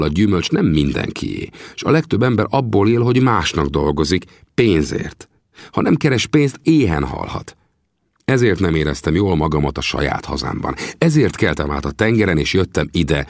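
A man narrating a classic adventure novel in the first person, in measured storytelling. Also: deep voice, vocal fry, dry recording, studio quality. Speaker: audiobook narrator.

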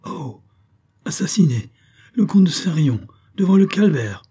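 A cunning suspect, voiced by a man reading aloud, protests his innocence in a theatrical, pleading way. The voice is husky and dark-toned, and his indignation is put on for show. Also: mid-range voice, moderate pace, natural voice. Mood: feigned outrage. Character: cunning male suspect feigning outraged innocence.

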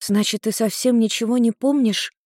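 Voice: medium pitch, fairly even intonation, moderate pace, darkish tone, no echo, studio quality, pitched above the performer's own voice, close to an everyday voice. A narrator voicing an anxious, protective young woman who speaks in a raised, pleading voice. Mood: sympathetic.

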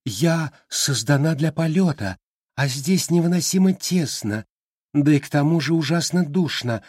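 A man voicing a giant female dragonfly who pleads loudly to be set free, with a husky voice. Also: expressive, unhurried, dry recording, clean studio sound. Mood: pleading. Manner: high, loud, begging.

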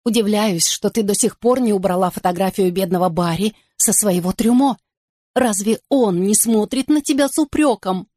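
Melodramatic sobbing young woman, voiced by a woman reader; reproachful, pitched up. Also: normal speed, mellow, no echo, studio quality, natural voice. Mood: tearful. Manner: tearful, reproachful, high-pitched.

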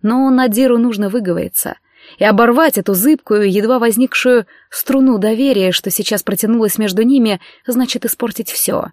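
A woman narrating a novel in an even, unhurried storytelling voice. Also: a little high, no room sound, studio quality. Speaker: audiobook narrator. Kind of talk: scripted fiction narration.

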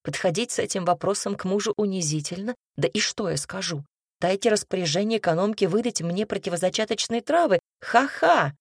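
A woman reading a first-person audiobook in a measured, wry way. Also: medium pitch, darkish tone, husky, no echo, studio quality. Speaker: audiobook narrator.

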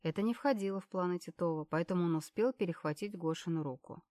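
A woman narrating an audiobook in an even storytelling manner. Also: fairly low pitch, fast talker, dry recording.

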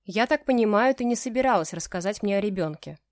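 A woman's voice: medium pitch, lively intonation, fast, dry recording, clean studio sound, close to an everyday voice. A woman voicing a stern commanding man. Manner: curt commanding tone. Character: stern domineering young man, commanding fiancé.

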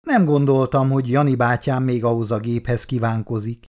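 A man's voice: medium pitch, fairly even intonation, a little mellow, natural voice. Man reading as an apologetic young worker. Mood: unsure. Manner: apologetic and unsure. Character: young male factory worker, red-faced and apologetic. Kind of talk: reading a novel aloud.

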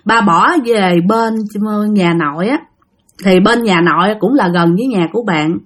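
A woman's voice: medium pitch, moderate pace. A woman retelling a life story dramatically and speaking directly to her listeners.

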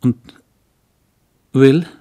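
A man's voice: very slow, mellow. Man voicing a restless young wife. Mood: lively. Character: young woman, restless dreamy doctor's wife. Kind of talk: audiobook character voice.

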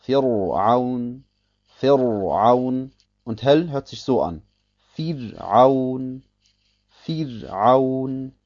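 A man gives a recorded tajweed lesson, explaining each rule step by step and repeating example words with care. His voice is mellow and dark. The audio is muffled and lo-fi. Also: mid-range voice, breathy edge. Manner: slow, methodical explanation with repeated spoken examples. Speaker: Quran recitation teacher.

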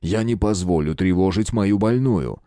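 Man playing a flustered doctor in a storybook reading, indignant, fairly low voice, dry close sound. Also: moderate pace, warm tone, dry recording, natural voice. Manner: indignant, then bewildered. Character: haughty flustered middle-aged doctor.

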